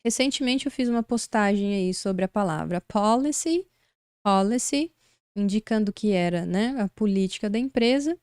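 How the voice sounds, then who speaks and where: A woman's voice: mid-range voice, expressive, normal speed, a little mellow, clean tone, no room sound, studio quality. A woman from Brazil teaching an online English lesson, explaining words patiently step by step.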